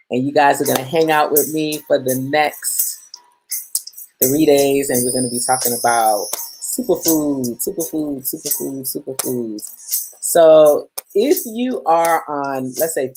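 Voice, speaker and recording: A woman's voice: low voice, darkish tone. A woman from Guyana who grew up in Brooklyn, a plant-based chef and health coach, hosting a live-streamed masterclass in an upbeat, chatty way and greeting viewers by name. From Guyana, raised in Brooklyn.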